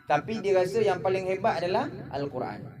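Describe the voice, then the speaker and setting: A man's voice: sits high, lively intonation, brisk, a little mellow. A Malaysian man giving a humorous Ramadan lecture in a mosque, telling stories and mimicking characters. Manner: jokey storytelling, mimics characters. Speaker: preacher.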